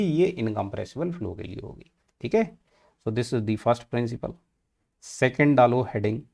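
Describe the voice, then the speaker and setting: A man's voice: a little high, darkish tone. A man with an Indian accent teaching engineering, mixing Hindi and English and asking questions he then answers himself. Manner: mixes Hindi and English, asks and answers his own questions; slow and deliberate, stretching out key terms. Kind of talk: classroom lecture.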